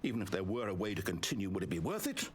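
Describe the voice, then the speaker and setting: A man's voice: big pitch swings, racing, a little hiss or hum. An actor playing a controlling male video game narrator, proud of his story, with precise, theatrical delivery. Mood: distraught. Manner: precise, theatrical delivery with wild swings in pitch. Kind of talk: scripted video game voice acting.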